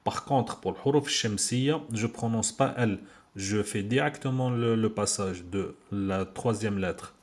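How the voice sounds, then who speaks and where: A man's voice: fairly low pitch, measured pace. A man giving an informal video lesson on Arabic letters, patiently repeating words for learners, recorded on a handheld phone. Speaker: Arabic teacher.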